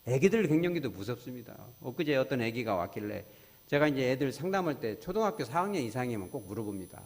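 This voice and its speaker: A male pastor delivers a Sunday sermon, his voice rising and falling with lively swings in pitch. He tells stories and acts out the back-and-forth of conversations. The sound carries a long echo from a church sanctuary. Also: fast talker. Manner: storytelling with acted-out dialogue, lively and conversational. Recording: church hall with long reverb.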